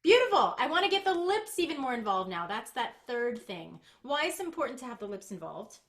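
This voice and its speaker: A woman with a fairly high voice teaches singing technique over a video call. She explains patiently and encourages as she goes, now and then demonstrating a sound herself. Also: sing-song, brisk, a bit bright. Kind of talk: online master class coaching.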